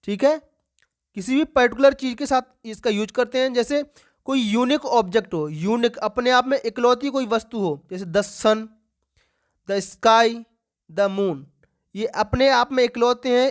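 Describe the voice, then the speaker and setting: At a measured pace, a woman with a slightly high voice and lively intonation teaches students an exam-prep grammar lesson. She asks questions, answers them herself, and repeats key words for emphasis.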